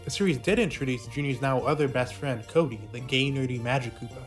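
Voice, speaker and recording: A man with a medium-pitched voice talks fast, narrating an informal video essay that comments on a puppet series. Faint music plays behind him.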